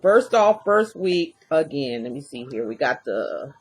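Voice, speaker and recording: A woman's voice: deep voice, very animated, measured pace, slightly rough. A woman giving a casual tarot reading in a folksy, rambling way, her speech slightly impeded by a dental retainer. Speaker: tarot reader.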